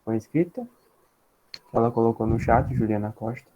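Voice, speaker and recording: A man's voice: mid-range voice, lively intonation, normal speed, mellow, lo-fi sound. A man moderating an online class, brief and welcoming.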